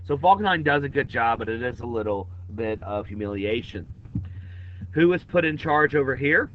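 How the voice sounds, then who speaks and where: A man's voice: mid-range voice, expressive, moderate pace. A man lecturing to his class, casual and direct, as if talking to the students in the room. The recording is a little muffled and lo-fi. A faint hiss sits under his voice. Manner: conversational, addresses students directly. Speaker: history teacher.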